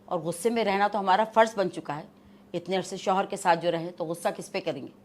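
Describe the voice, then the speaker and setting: Haughty woman playing a stern mother-in-law. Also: on the low side. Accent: Pakistani Urdu. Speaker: guest actress. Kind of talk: comic in-character interview.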